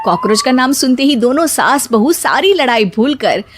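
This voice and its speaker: Lively female cartoon story narrator. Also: high-pitched, moderate pace, background noise.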